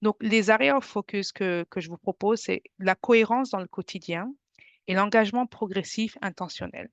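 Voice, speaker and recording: A woman's voice: mid-range voice, moderate pace, dry recording. A woman leading a parenting workshop webinar over a video call, talking in a hesitant way and often repeating words. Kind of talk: webinar presentation. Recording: dull lo-fi video call audio.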